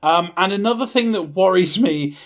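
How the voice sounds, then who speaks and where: A man's voice: sits high, lively intonation, moderate pace. A man co-hosting a gaming podcast in casual chat, teasing his co-hosts and skeptical of their claims, at times reading out game blurbs. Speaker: podcast co-host.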